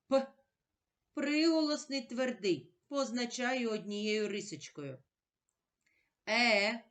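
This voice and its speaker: A woman teacher giving a recorded lesson for young children. She spells out sounds one at a time and asks questions, then answers them herself. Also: mid-range voice.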